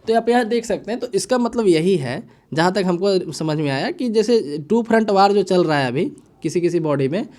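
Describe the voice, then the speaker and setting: A man's voice: sits high, expressive, a little mellow. A man teaching current affairs, explaining news stories casually and often checking in with his listeners. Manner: casual, repetitive, frequent "है ना" and "ठीक है" checks; mixes English phrases into Hindi, reads headlines haltingly. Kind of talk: explaining news analysis to students.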